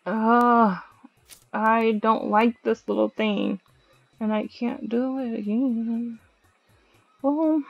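Slow, gravelly woman gaming host. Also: medium pitch, dull audio. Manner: playful and dramatic, chants and squeals. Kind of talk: let's play commentary.

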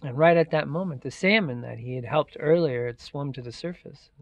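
A man's voice: a little high, a little fast, vocal fry, no echo, highs cut off. A man retelling a folktale in a loose, chatty way, repeating words for effect and using fillers. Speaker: storyteller. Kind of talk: casual oral retelling of a folktale.

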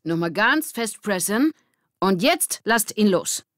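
A woman reading an audiobook and voicing a relaxed, upbeat male drama teacher who coaches a group of children. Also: medium pitch, slow pace, dry recording, clean studio sound, pitched above the performer's own voice. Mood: coaching. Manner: guiding, coaching instructions.

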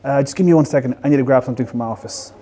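A man's voice: mid-range voice, very fast, warm tone. Irish man guiding a tour. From Ireland. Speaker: facilities manager. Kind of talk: guided tour talk. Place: indoor centre halls.

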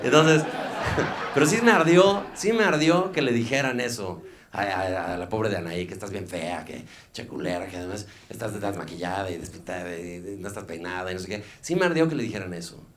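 A man's voice: deep voice, fairly quick, fairly bright tone. A man with a Mexican accent doing a live stand-up set on a club stage, loose and slangy with mocking asides, into a handheld mic. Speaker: stand-up comedian.

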